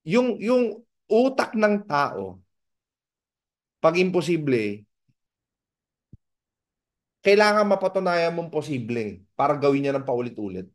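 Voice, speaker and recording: A man from the Philippines giving a motivational seminar talk as a business mentor, animated and asking the audience rhetorical questions. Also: a little high, slow pace, pauses often. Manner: animated, acts out dialogues in raised voices.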